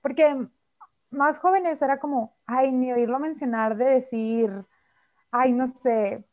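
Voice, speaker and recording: High-voiced Mexican woman chatting casually. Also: slow pace, darkish tone. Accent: Mexican Spanish. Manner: chatty, frequent fillers, mimics quoted speech. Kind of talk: casual chat. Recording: slightly dull lo-fi audio.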